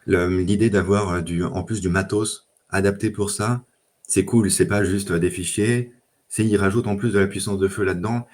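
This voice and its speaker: A man speaking in casual tech chat as a data engineer guest, relaxed, with lots of fillers and restarts. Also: low-pitched, normal speed.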